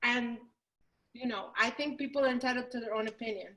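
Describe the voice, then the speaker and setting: Bright, chatty woman on a video call. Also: on the high side, a little fast, poor audio. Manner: chatty and animated, drops in Spanish phrases. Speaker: class participant and panelist. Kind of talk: casual chat.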